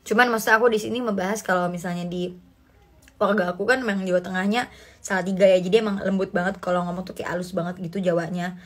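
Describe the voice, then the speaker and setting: A young woman from Indonesia hosting a casual phone livestream, chatting and reading out comments in a lively, slangy way with bits of English. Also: medium pitch, fast talker. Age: young adult.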